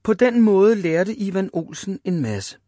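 A man reading a children's story aloud, lively and voicing the characters. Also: high voice, dry recording, studio quality.

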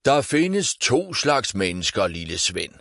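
A man voicing a loud, boastful middle-aged viking uncle who bellows, in a storybook reading. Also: very animated, vocal fry, dry recording, clean studio sound, exaggerated voice. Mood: jovial boasting. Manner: bellowing, booming.

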